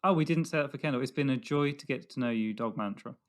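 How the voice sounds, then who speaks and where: A man co-hosting a podcast, reading listener messages and responding with enthusiasm, sometimes halting over his words. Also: mid-range voice. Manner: enthusiastic, halting when moved. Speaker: podcast co-host.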